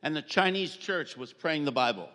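This Canadian-born preacher, middle-aged and visiting, jokes with the congregation in short bursts and stops so an interpreter can translate. His fairly high voice is animated with a sharp edge, and the church hall adds its own reverb.

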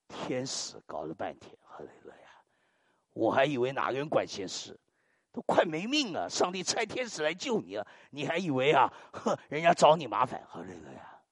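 A man's voice: medium pitch, dry recording, studio quality. An older man preaching a sermon, telling dramatic stories and muttering hallelujahs between lines. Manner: animated, dramatic storytelling peppered with muttered hallelujahs.

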